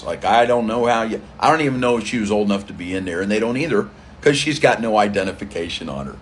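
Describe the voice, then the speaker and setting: A man's voice: fairly low pitch, a little hiss or hum. A man who works as a club DJ, telling a long story in a rambling casual way, repeating phrases and acting out what people said. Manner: rambling, repeats phrases, acts out quoted dialogue.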